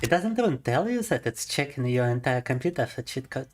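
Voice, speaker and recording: Male streamer, native Russian speaker, mid-pitched, casual and chatty, laughs a lot while talking through gameplay on a desk mic. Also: big pitch swings, fairly quick, soft background music. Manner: chatty, laughs often, explains to viewers as he plays. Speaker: livestreamer. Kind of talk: casual gaming livestream commentary.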